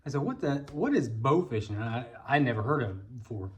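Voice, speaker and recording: Brisk and very animated, a man with a medium-pitched voice tells a casual personal story on his vlog. He's a bowfishing guide from Indiana in the United States and talks in a folksy, colloquial way.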